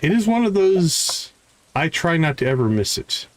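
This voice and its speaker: A man with a fairly high, very animated voice does casual live commentary while playing a farming game, talking at a moderate pace. He's friendly with viewers and greets them by name, with slight background noise in the recording.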